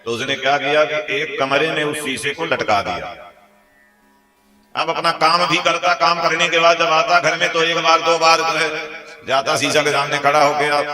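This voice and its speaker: A man telling a comic folk tale as a religious storyteller, narrating in a lively, animated way. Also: on the high side, normal speed. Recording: echoey hall, faint music.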